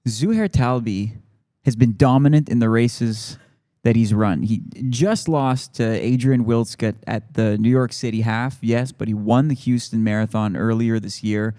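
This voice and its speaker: Man, medium-pitched voice, chatty, opinionated, conversational live race commentary. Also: steady tone, a little slow, mellow.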